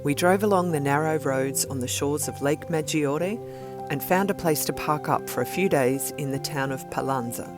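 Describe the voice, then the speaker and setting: A man giving a steady, scripted travel voice-over in an informative tour-guide manner. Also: a little high, normal speed. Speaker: vlog narrator. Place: voice-over recording. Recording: voice over music bed. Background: clear background music.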